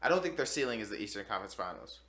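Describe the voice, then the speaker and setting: A bright, forward-sounding young man talks fast in an echoey room. He chats in loose slang, like he is hanging out with friends on a podcast. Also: on the low side, big pitch swings. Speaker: podcast co-host. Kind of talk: casual slangy chat among friends.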